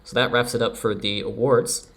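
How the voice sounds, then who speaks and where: A man's voice: fairly low pitch, flat delivery, moderate pace, gravelly, a bit bright. A young man casually commenting over his baseball management game, chatty and laughing at himself now and then. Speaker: let's play commentator.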